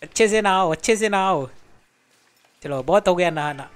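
A man's voice: sits high, moderate pace, clear, resonant tone, faint music behind. A young man streaming a game, commenting live in a playful, jokey way with mock-dramatic pleading. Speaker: gaming streamer.

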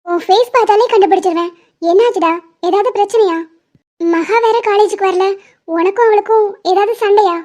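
A woman voicing a caring young college friend in an animated drama, reassuring her in a lightly teasing way. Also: very high-pitched, fairly quick, pauses often. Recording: dull lo-fi audio.

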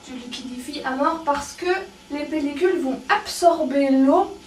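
High-voiced woman, joking chef. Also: normal speed, roomy sound, far from the mic, slight background noise, rough recording. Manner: playful, mixes English and casual French, deadpan mock-serious. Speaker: mock cooking-show chef. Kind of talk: joking improvised cooking show.

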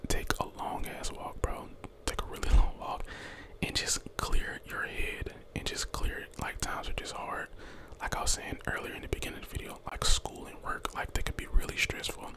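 An American man in his twenties giving a casual, slangy, encouraging pep talk in an ASMR whisper close to the microphone. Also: normal speed. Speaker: ASMR content creator. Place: small bedroom, indoors. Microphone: close handheld desk condenser microphone.

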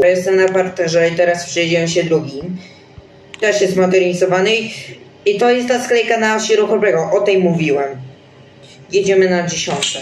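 A young man casually commenting on a game he is playing, rambling with many fillers and restarts. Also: high voice. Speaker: gaming channel host. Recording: roomy echo, faint game music behind.

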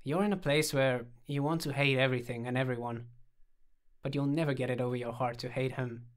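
A man's voice: medium pitch, fairly even intonation, fairly quick, clean tone, close to an everyday voice. A man doing a teasing, theatrical young man. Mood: earnest.

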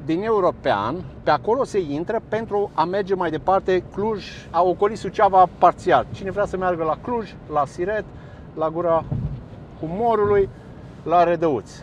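A man's voice: high-pitched, highs cut off. A man giving chatty, sarcastic commentary straight to his viewers while standing beside a busy road. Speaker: local vlogger. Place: roadside by a busy road, outdoors. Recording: faint outdoor traffic noise. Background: passing traffic and trucks.

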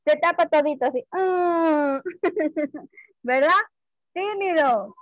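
A woman teaching an online class for young children, acting out emotions in a slow, sing-song way. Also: high voice, lively intonation, no room sound. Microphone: video call. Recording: dull lo-fi video call audio.

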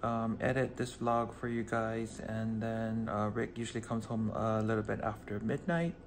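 A man's voice: lowish voice, fairly even intonation, normal speed, a little hiss or hum. A man vlogging from his car and his home as a flight attendant, talking in a chatty, upbeat, rambling way into a handheld phone. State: out of breath. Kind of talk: casual vlog chat.

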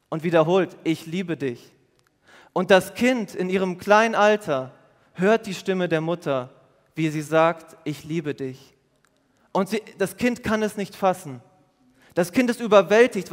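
A man preaches to a youth congregation in a church hall. His voice sits a little high, earnest and patient as he explains and repeats his points. A long reverb trails after each phrase. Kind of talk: sermon.

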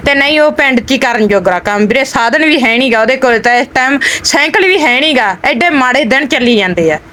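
High, fast-talking pleading woman. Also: animated, a bit bright. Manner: earnest, pleading, plain-spoken. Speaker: family member appealing for help. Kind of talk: casual talk to a visitor.

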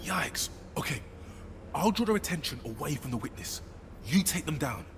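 An actor playing a sardonic but idealistic vigilante superhero who banters, in a video game. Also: male voice, a little high, big pitch swings, moderate pace, noisy background. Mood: focused. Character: wry idealistic male vigilante superhero, banters with old friends.

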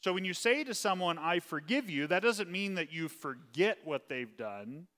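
Chatty pastor in a reverberant hall. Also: male voice, high voice, animated, normal speed, fairly bright tone. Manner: chatty and self-deprecating, asks the class frequent questions. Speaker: pastor leading Bible study. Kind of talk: informal Bible study teaching with scripture reading. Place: church room.

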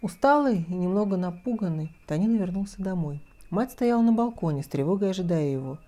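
A woman reading a children's fairy tale aloud with expressive, lively storytelling. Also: fairly low pitch, brisk.

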